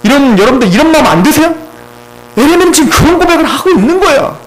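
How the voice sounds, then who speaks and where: A man's voice: very high-pitched, lively intonation, fast talker, poor audio. A man preaching a sermon as pastor, earnest and pleading, putting question after question to his congregation.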